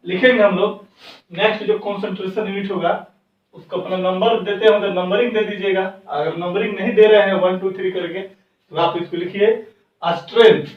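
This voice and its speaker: A male chemistry teacher giving a lecture. He asks his class questions and answers them himself, and repeats words slowly while dictating notes. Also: sits high. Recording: distant, dull echoey room.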